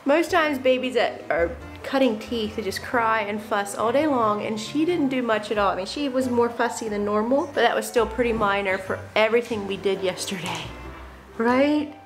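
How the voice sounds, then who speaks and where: A chatty woman in her thirties from Pennsylvania, USA, with a Pennsylvania Dutch accent, vlogs her travels into a handheld camera held at arm's length, laughing often. She films in a car and outdoors in a lakeside town. Her voice is a little high at a normal speed, the recording is low-quality, and background music plays.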